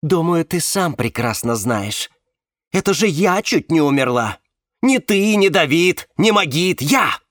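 A man's voice: mid-range voice, very animated, normal speed, no echo, clean studio sound, natural voice. A man reading an audiobook, voicing an angry, sarcastic young woman. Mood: accusing. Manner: sarcastic, snapping, voice breaking when shouting. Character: bitter, angry young woman, sharp-tongued.

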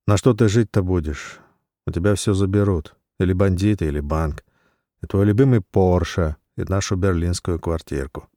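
A man playing a calm, firm husband. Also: low-pitched, normal speed, dry recording, clean studio sound, close to an everyday voice. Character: calm, weary man in debt, middle-aged.

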